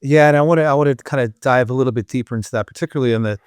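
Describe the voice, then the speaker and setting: A man's voice: mid-range voice, very fast, darkish tone, clear, resonant tone, dry recording, studio quality. A man hosting a podcast, chatting casually and loosely, with frequent fillers and restarts. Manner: conversational, many fillers and restarts. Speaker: podcast host. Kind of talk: casual interview chat.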